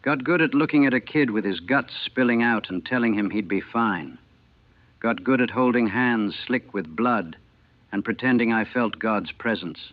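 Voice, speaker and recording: A man, a former army chaplain from the United States, recalling the war in a grave, measured and haunted way, heard on an old archival recording. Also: medium pitch, no echo. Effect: old archival recording, narrow and tinny. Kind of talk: solemn first-person recollection. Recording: tinny, dry, lo-fi old recording.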